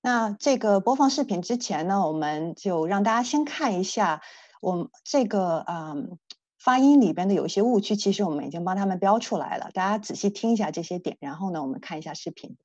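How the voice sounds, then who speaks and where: A woman's voice: mid-range voice, animated, fairly quick, darkish tone, no echo. A woman speech therapist, a native Chinese speaker, giving an earnest, explanatory online lecture with frequent hesitations. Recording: dull, dry lo-fi sound.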